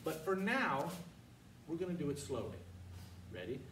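Older male martial arts instructor, high-pitched for a man, commanding drill calls, recorded across an echoey studio. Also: sing-song, moderate pace, fairly bright tone. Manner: commanding, instructional, calling out short counted cues. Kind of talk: karate lesson with call-and-response drills. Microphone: far camera. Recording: roomy, distant mic with faint noise.

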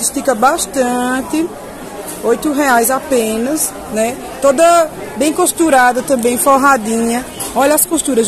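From behind her handheld camera, the Northeastern Brazilian presenter chats casually with viewers in a high voice during an informal product showcase, repeatedly tacking on tag questions. The busy crowd noise of the covered, open-sided clothing market is clearly audible.

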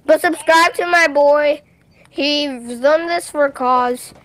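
A young gaming channel host chatting casually and playfully, with giggles and loud bursts. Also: female voice, high voice, slow, rough recording. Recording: music playing behind.

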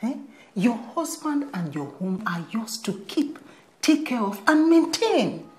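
A woman's voice: a little high, very animated, unhurried, a little mellow. An actress with a Nigerian accent playing a devout middle-aged mother who lectures her married daughter. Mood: scolding. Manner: preachy, lecturing. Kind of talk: film acting.

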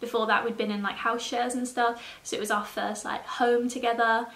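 A woman's voice: on the high side, level tone, normal speed, a bit bright. Chatty, swearing woman in a roomy echo. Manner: chatty and profane, laughs often. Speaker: YouTuber. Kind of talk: casual vlog chat.

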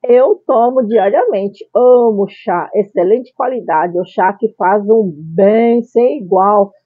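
A middle-aged woman with a Brazilian accent hosting a casual product review vlog, announcing her phrases deliberately, on a phone-like recording. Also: mid-range voice, husky, no echo. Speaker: YouTube channel host. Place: small tiled room at home, indoors. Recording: phone-like, band-limited sound.

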